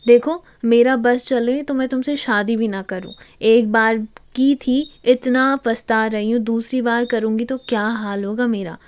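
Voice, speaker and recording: A woman voicing a drunk, playful young wife who teases and whines, a little higher than usual. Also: fairly even intonation, unhurried, hardly any pauses, natural voice. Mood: teasing. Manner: petulant, whiny shouting.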